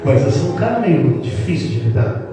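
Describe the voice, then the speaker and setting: A man's voice: fairly high pitch, big pitch swings, moderate pace. A man preaching a playful church sermon, teasing the congregation as he talks. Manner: playful, teasing the congregation, acts out family scenes. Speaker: pastor. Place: church hall. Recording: roomy hall reverb from a distant mic, music behind.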